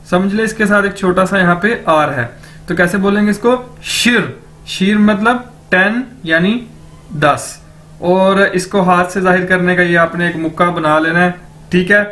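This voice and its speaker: A man's voice: sits high, sharp tone. A man teaching a beginner language lesson, patiently explaining pronunciation and repeating each word several times.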